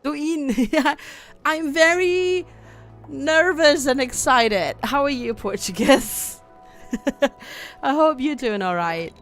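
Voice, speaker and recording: A young German woman livestreams a game, chatting casually with viewers, reading out chat, and laughing often. Her streamer voice sits high and is a bit bright, with a slow pace and faint music behind it.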